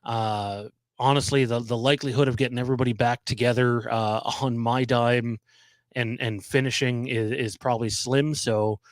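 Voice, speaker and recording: A man hosting a live stream in casual chat, his voice nasal and hoarse from a cold, talking haltingly with many ums and restarts. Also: medium pitch, steady tone, no echo. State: losing his voice. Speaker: livestream host.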